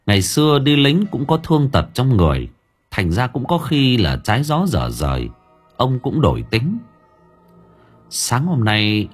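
A man narrating a spooky village story dramatically, dropping to hushed lines and rising again. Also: breathy edge. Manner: dramatic, swinging between hushed low lines and raised ones. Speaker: audiobook narrator.

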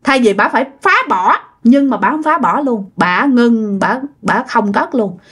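A woman's voice: fairly high pitch, expressive, measured pace, a bit bright, slightly rough. Chatty woman telling a story. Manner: chatty, addresses listeners directly. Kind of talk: casual storytelling.

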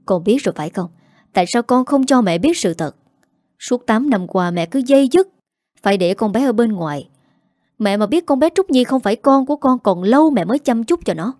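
Woman doing an anxious, sharp-tongued grandmother in a storybook reading, warm dark tone, dry close sound. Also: a little high, lively intonation, fairly quick, no room sound, close to an everyday voice. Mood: accusing. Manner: pleading, then scolding.

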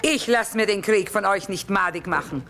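A woman's voice: mid-range voice, moderate pace, fairly bright tone, a little hiss or hum, lightly acted. An actress playing a middle-aged, shrewd, blunt mother who trades in wartime, in earthy speech for a radio drama. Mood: defiant. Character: hard-bitten, shrewd, sharp-tongued mother trading in wartime. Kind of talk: German stage-style radio drama acting.

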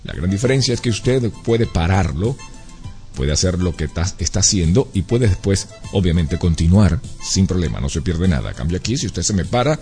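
A man's voice: sits low, very animated, normal speed, a little mellow, soft background music. A man hosting a live radio show, talking animatedly and directly to listeners and repeating his points. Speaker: radio host. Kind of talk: chatty live radio talk.

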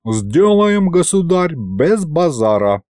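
A man's voice: fairly high pitch, huge pitch swings, takes it slowly, dark tone, dry recording, studio quality, pitched above the performer's own voice, exaggerated voice. A man voicing a small horned male imp who talks cocky gangster slang in a raised voice.

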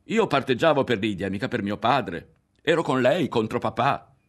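A man's voice: medium pitch, lively intonation, moderate pace, voice pushed up, close to an everyday voice. A man voicing a defensive adolescent boy, protesting firmly that he only obeyed his father. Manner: firm, protesting.

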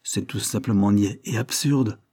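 A man's voice: fairly low pitch, a little slow, slightly rough, dry recording, clean studio sound. A man voicing an urgent, commanding old lord. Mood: indignant. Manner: insistent, rising to sharp emphasis. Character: aging dying English lord, urgent and commanding.

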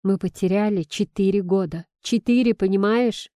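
A woman voicing a possessive young man in an audiobook, speaking in a low, quiet, husky way. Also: normal speed, dry recording, clean studio sound, close to an everyday voice. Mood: firm. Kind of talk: audiobook character reading.

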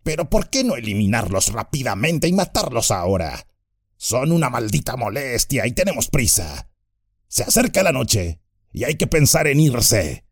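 A man voicing an impatient, callous male orc soldier in an audiobook, hushed and grumbling. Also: mid-range voice, sing-song, moderate pace, slightly rough, no room sound, clean studio sound, pitched above the performer's own voice. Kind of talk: audiobook character voice.

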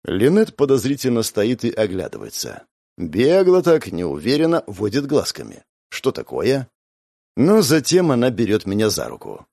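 A man's voice: medium pitch, wildly swooping pitch, normal speed, vocal fry, mellow, no echo, studio quality. A man narrating a first-person story with wry, crude asides. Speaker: audiobook reader.

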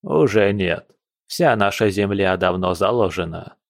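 A man's voice: deep voice, a little slow, gravelly, no echo, clean studio sound. A man voicing a stern, commanding aristocratic father at the head of his family.

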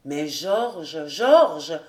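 A woman's voice: deep voice, big pitch swings, a little mellow, pitched below the performer's own voice, heavily acted. A woman reading as a sturdy grieving old-time squire. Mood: anguished. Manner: halting, heavy with emotion. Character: sturdy grieving male squire, loyal and fierce. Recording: roomy echo.

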